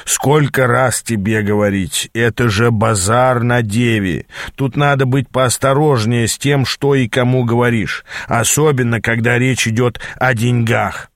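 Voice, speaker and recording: A man's voice: medium pitch, fairly even intonation, unhurried, hardly any pauses, no echo, clean studio sound, natural voice. A man voicing a short-tempered male demon mentor who growls and snaps in exasperation. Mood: weary.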